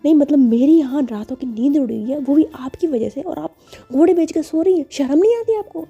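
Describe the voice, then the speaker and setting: A woman voicing an angry young woman who scolds her partner in rapid, indignant bursts. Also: high voice, mellow, lo-fi sound, soft background music, pitched above the performer's own voice, lightly acted. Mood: scolding.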